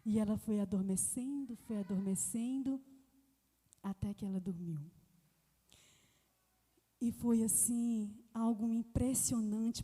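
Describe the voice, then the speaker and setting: Woman telling her story at church, chatty, mellow, kinda high, long echo in the hall. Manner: conversational storytelling with fillers. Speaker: church speaker giving a testimony. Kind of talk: storytelling sermon testimony.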